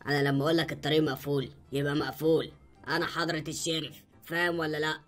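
A man's voice: fairly high pitch, flat delivery, rapid-fire, a bit bright, faint music behind, lightly acted. A man voicing a bossy, pompous male sheriff with an Egyptian Arabic accent, giving orders impatiently.

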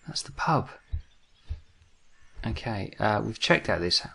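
A man's voice: lowish voice, lively intonation, takes it slowly, creaky, pushed and bright, slight background noise. A young man giving chatty, jokey commentary while he plays a game and talks to his viewers. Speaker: gaming let's-play host. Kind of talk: casual gameplay commentary.

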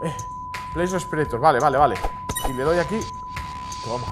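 Male gaming host; very animated, loud outbursts, music bed. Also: fairly high pitch, fairly quick. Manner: loud bursts of shouting and laughter between mumbled asides. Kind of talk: excitable gameplay commentary. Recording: music playing behind.

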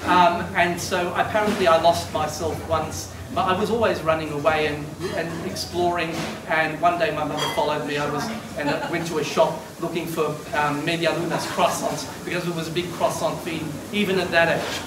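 An Argentine eulogist in his fifties, originally a Spanish speaker, tells an animated, rambling memorial story while gesturing widely with both hands. His voice leans high, at normal speed with few pauses. Recorded from afar by a camera in a glass-walled beachside room, the audio is roomy and distant with background noise.

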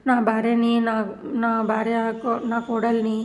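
A stern, hot-tempered middle-aged husband shouts his demands, as a woman narrator puts him on. The voice stays fairly high and level. He sounds like a character from a family serial being retold. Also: completely flat delivery, moderate pace, slight background noise, natural voice. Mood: shouting, stern.

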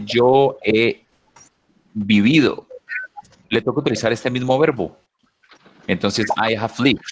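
A man teaching a basic English class online, drilling pronunciation by repeating words slowly and urging his students on. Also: mid-range voice, a bit bright.

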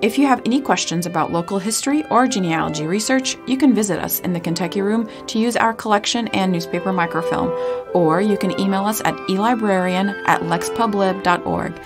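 A woman from the library staff reading the podcast's closing credits in a friendly, clear announcing manner. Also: mid-range voice, a little fast. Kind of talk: scripted podcast outro. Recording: voice over music.

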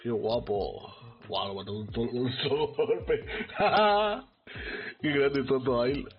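A man with a Spain Spanish accent giving excitable live commentary on his gameplay, talking to his chat. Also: medium pitch, measured pace, dull audio. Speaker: streamer.

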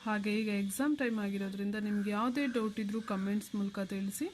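A woman teacher with a Kannada accent giving a slow alphabet lesson, spelling out letters one at a time. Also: medium pitch, fairly even intonation, slight background noise.

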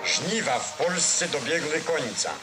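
A man's voice: fairly high pitch, animated, takes it slowly, rough recording. A man narrating a 1940s newsreel in a solemn, declamatory old-style. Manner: solemn, declamatory, formal delivery. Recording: vintage 1940s newsreel soundtrack with music.

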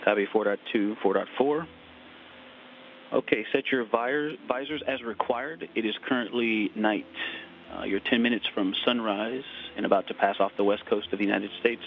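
A narrow, tinny radio link carries a man's fairly low voice with a creaky edge. He calls out procedural steps as a communicator guiding a spacewalk. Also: normal speed, a little hiss or hum. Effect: radio transmission.

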